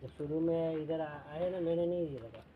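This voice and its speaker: A man telling an animated story in a casual chat, acting out the things he said. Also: a little high, moderate pace, phone-quality sound, a little hiss or hum.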